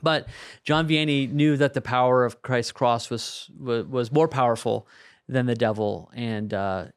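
A man co-hosting a podcast, telling stories in a casual, animated way. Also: medium pitch, a little slow, clean tone. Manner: animated storyteller, chuckles through anecdotes. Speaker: podcast co-host.

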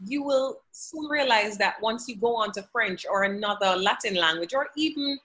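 Speaking from her home office as a podcast guest, this woman, a language educator, answers interview questions earnestly, with faith and scripture quotes. She talks at a moderate pace in a medium-pitched, pushed, bright voice, and the recording is rough.

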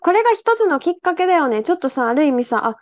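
Podcast co-host, female, high bright pitch, dry close sound, slightly dull lo-fi audio, animated storytelling. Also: fast talker, no echo. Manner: animated storyteller, acts out quoted voices. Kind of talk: casual chat.

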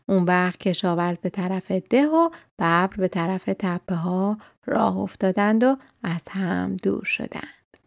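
A woman narrating a children's story in a calm, expressive reading voice. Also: medium pitch, gravelly, no echo, clean studio sound.

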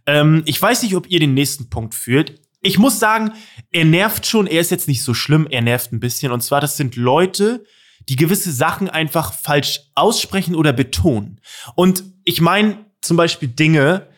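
A man's voice: a little high, animated, moderate pace. A young man co-hosting a casual chat podcast, talking emphatically about pet peeves. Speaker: podcast co-host.

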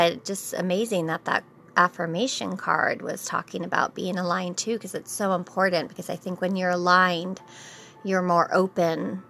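A woman hosting a daily spiritual vlog, talking in a relaxed, gentle and rambling way with many fillers. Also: fairly low pitch, vocal fry, slight background noise. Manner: gentle and affirming. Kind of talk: casual spiritual talk.

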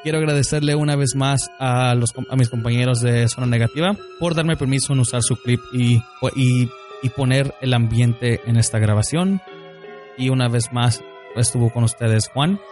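A man's voice: medium pitch, normal speed, a little mellow, faint music behind. A man hosting a podcast of paranormal stories, speaking plainly with slight restarts. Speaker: podcast host. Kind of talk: podcast outro.

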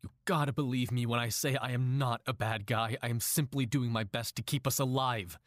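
A man voicing a desperate, volatile captor who pleads softly and then screams in rage, in an audio drama. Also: mid-range voice, fairly even intonation, fairly quick, no echo, clean studio sound, close to an everyday voice. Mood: pleading, tense. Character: desperate man holding a woman captive, volatile.

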